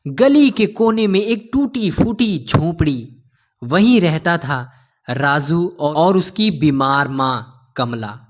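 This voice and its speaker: Male storyteller, heartfelt, calls listeners friends, slow delivery, fairly high voice. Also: expressive. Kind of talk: emotional storytelling narration.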